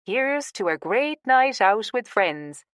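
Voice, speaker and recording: A woman's voice: fairly high pitch, sing-song, slow pace, smooth, no room sound, clean studio sound, voice pushed up. Woman reading as a hearty, teasing country man.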